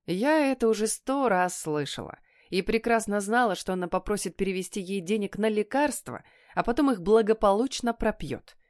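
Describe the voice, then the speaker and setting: A woman reads a first-person audiobook, with an emotional, expressive delivery. Her voice sits at an ordinary middle pitch. The recording is dry and close to the mic. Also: normal speed, hardly any pauses, no echo. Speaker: audiobook narrator.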